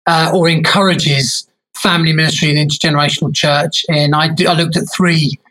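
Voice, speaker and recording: A man's voice: a little high, steady tone, fairly quick, sharp tone, a little hiss or hum, poor audio. A man from England, a guest lecturer answering interview questions in a joking, modest way over a video call. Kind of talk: casual interview.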